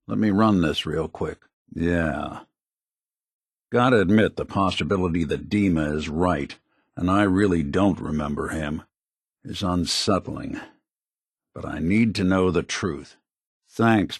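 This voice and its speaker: A male actor voices a world-weary, principled android private detective in a video game, in a wry, plainspoken noir style. His deep voice is gravelly and husky, the mood reflective, and the studio-quality recording has no echo.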